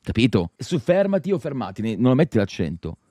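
An Italian man streaming and chatting with friends, mocking and teasing, swinging between low mutters and loud outbursts. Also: big pitch swings, quick pace, dry recording. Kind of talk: casual streaming chat.

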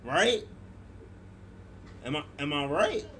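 A man's voice: fairly high pitch, big pitch swings, takes it slowly, bright, forceful tone, a little hiss or hum. A man in his twenties livestreaming a game, joking crudely and talking to his chat. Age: 20s. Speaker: streamer. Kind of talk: casual gaming livestream chat.

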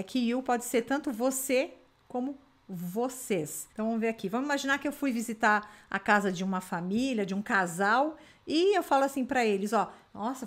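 Brazilian woman, English teacher, friendly chatty delivery, slightly high pitch, careful slow model phrases. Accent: Brazilian Portuguese. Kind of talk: online English lesson.

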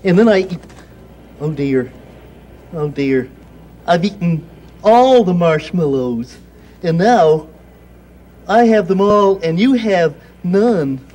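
Big Bird on a 1960s children's TV show, a giant gentle bird with a high, mellow voice. He talks slowly and innocently, stammering and hesitating over his words. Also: expressive, slight background noise. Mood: eager.

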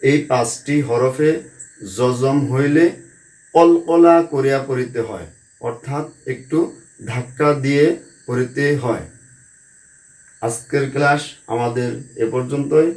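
A man teaching Quranic letter sounds, repeating each syllable patiently with a sharp stop. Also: mid-range voice, slow pace, long pauses. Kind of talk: slow recitation drill lesson. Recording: roomy echo, mic at a distance.

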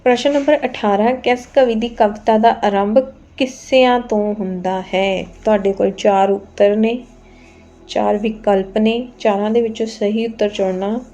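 A woman's voice: mid-range voice, fairly even intonation, normal speed, warm tone, faint music behind. Patient woman teaching. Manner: patient, polite, repeats each question with respectful "ji". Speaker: exam-prep teacher. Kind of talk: quiz lesson reading questions and answers.

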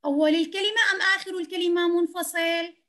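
A woman's voice: very high voice, fairly even intonation, pushed and bright. A woman teaching young children to read in an online class, speaking patiently and encouragingly. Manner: patient, encouraging, slow and clear. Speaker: kindergarten teacher. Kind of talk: online reading lesson.

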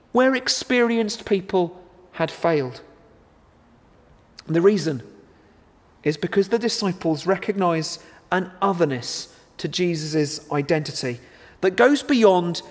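A man in his thirties delivering a sermon to camera in a measured, earnest, deliberate way. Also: high-pitched. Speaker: preacher. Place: large church interior. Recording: long church reverb.

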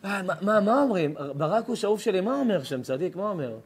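A rabbi preaching a lively sermon to a live audience, teasing the listeners and addressing them directly. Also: male voice, high-pitched, breathy edge. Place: lecture hall or synagogue with an audience.

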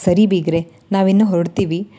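A woman voicing a bossy older woman who briskly hurries her family to leave. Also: on the low side, steady tone, warm tone, highs cut off, close to an everyday voice.

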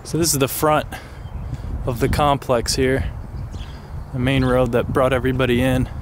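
A man's voice: mid-range voice, normal speed, noisy background. Young man chatting while exploring. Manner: relaxed, chatty, narrates finds. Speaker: urban explorer host. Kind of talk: casual exploring chat. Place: abandoned housing complex, outdoors and in empty apartments.

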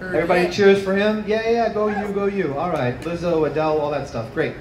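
A man in his thirties doing a stand-up comedy set into a handheld mic, animated, jumping to high yelps on punchlines, with an audience laughing. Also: a little fast. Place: small outdoor rooftop stage with plants. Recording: distant camera, roomy echo, noisy ambience. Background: live audience laughter.

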